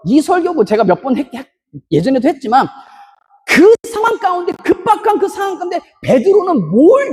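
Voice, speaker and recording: A Korean pastor preaching an emphatic sermon in a church, breaking into loud shouted bursts between storytelling asides. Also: high-pitched, slightly rough. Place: church sanctuary. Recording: long reverb of a church hall.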